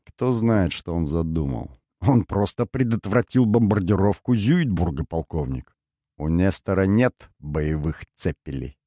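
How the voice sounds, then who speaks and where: A man voicing a cheerful, self-assured male king in an audiobook, with a lively, lightly teasing manner. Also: low voice, unhurried, dry recording, clean studio sound. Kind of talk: audiobook character voice.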